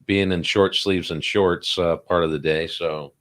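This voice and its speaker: A man's voice: sits low, steady tone, a little slow, fairly bright tone. A man co-hosting a casual interview, chatty and joking, with plenty of fillers and restarts. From Salt Lake City, Utah. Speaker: podcast co-host.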